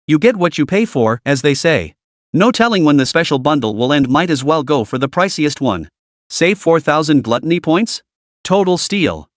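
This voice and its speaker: A man's voice: a little high, sing-song, normal speed, dry recording, studio quality. A man voicing a wry, scheming young male beast tamer who mutters his thoughts aloud in a storybook recap.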